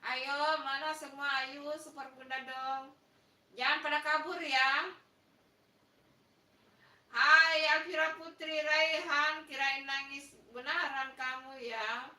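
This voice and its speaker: A woman's voice: sits high, fairly even intonation, slow, pauses often, sharp tone. A woman hosting a casual live stream, teasing viewers with mock sympathy and coaxing them to like, with a Makassar Indonesian lilt. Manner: playful, coaxing viewers to like and subscribe. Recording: echoey room, voice a bit far from the mic.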